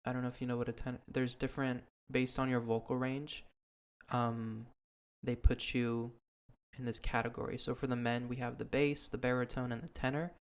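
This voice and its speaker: Clear and resonant, this young man's medium-pitched voice stays fairly even as he hosts a podcast at a normal pace. The chat is casual and earnest, though he rambles, ums a lot, and keeps restarting.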